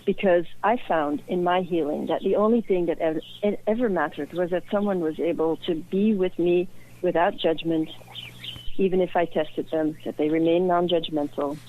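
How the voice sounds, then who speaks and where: This interview guest, an author from Belgium, talks thoughtfully and sincerely at a moderate pace in a lowish voice. The line sounds tinny, like a phone, with a bit of noise behind her.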